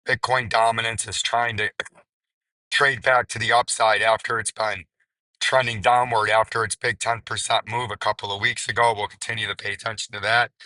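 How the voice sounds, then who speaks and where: Male crypto chart commentator, hoarse and strained, very forceful raspy edge, flat lowish delivery. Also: no echo, rough recording. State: hoarse, voice nearly gone. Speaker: crypto video host.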